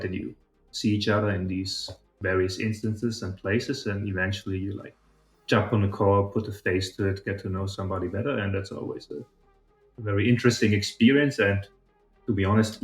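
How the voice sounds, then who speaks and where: A low-voiced man from southern Germany who partly grew up in China appears as a podcast guest and startup founder. He gives casual interview answers in an echoey room.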